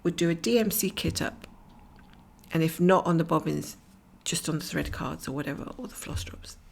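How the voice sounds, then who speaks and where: With her camera trained on her stitching hoop at home, a middle-aged woman from Scotland keeps up a casual stitch-along chat, drifting from topic to topic. Her low voice, croaky with a blocked nose, moves at a moderate pace and frequently sinks to a whisper.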